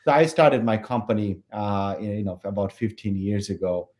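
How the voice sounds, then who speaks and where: A man in his forties, originally from Bangladesh, answering as a founder on a podcast in a measured way with many fillers. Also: fairly low pitch, a little mellow. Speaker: company founder and CEO, guest. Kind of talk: podcast interview.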